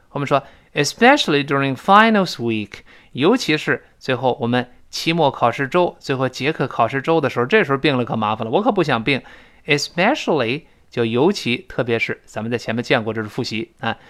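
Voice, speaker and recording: Animated male teacher, lively delivery. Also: mid-range voice. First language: Chinese. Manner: explains at length with many fillers, repeats words slowly to model pronunciation. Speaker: English teacher. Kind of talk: spoken English lesson.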